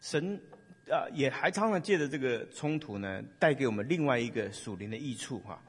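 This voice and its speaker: A man preaching in a conversational style, telling lively stories and often asking the listeners "right?". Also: mid-range voice, moderate pace, breathy edge. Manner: lively storyteller, asks the audience "right?". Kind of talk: conversational sermon with storytelling. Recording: long hall reverb.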